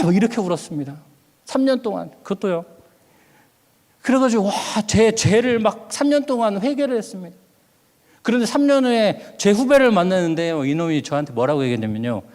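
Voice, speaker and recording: A man's voice: high-pitched, darkish tone. A middle-aged male pastor preaching a sermon, telling a personal story and acting out his own past words. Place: church sanctuary. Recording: long hall reverb.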